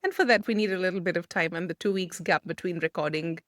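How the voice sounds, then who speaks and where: A woman's voice: lowish voice, fast talker, a bit bright, no room sound, clean studio sound. A woman born and raised in India, co-hosting a podcast and telling stories in a chatty, enthusiastic way. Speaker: podcast co-host. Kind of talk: casual chat.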